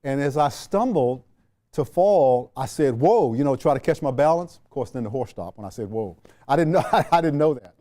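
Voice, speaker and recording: An older man from Washington, D.C., recalling his life in a relaxed, mellow voice. He speaks in a measured, unhurried way, circling back and restarting his sentences. His pitch sits in an ordinary middle range for a man. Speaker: interview guest, retired general. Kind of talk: reflective storytelling in a sit-down interview.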